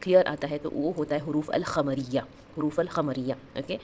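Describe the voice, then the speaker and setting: Lady teaching arabic, low voice, says every word twice real slow, bit of hiss behind. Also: dark tone. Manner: repeats each term and drills example words slowly. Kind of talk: explaining lesson, mixing Hindi and English.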